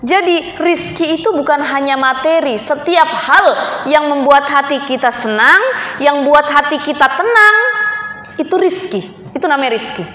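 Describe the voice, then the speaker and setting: Lady teaching in a mosque, high bright voice, chatty, lots of echo. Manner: chatty, addresses audience as Bu. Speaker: religious teacher. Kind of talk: sermon. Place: mosque hall. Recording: echoey mosque hall.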